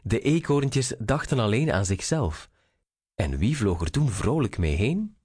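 A man reading a rhyming children's story aloud, slow, expressive and sing-song. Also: on the low side, slightly rough, no room sound, clean studio sound.

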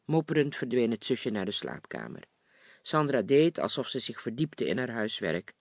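A man calmly reading a novel chapter aloud in a measured audiobook style. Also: mid-range voice, vocal fry, dry recording, clean studio sound. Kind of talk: audiobook narration.

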